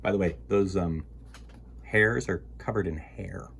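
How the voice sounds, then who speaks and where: Reading aloud and chatting expressively with young listeners, this man hosts a children's storytime, warm with enthusiasm and encouragement. His voice is deep and a touch bright, with vocal fry, and he speaks a little slowly. Some hiss or hum sits in the recording.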